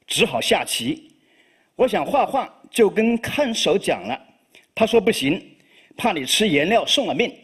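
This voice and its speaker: A poet who speaks Chinese as his first language gives a live reading in accented English, halting and full of fillers. His voice is fairly high and husky.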